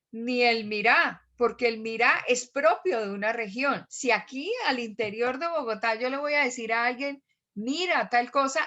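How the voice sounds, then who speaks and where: A woman teaching an online class, chatty and animated, often checking in with her students. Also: high-pitched, muffled recording.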